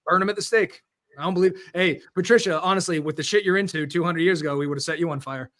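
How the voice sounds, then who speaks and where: A man co-hosting a casual live show over a video call, joking, crude and excitable. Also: high voice, quick pace. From Massachusetts, USA. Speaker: co-host.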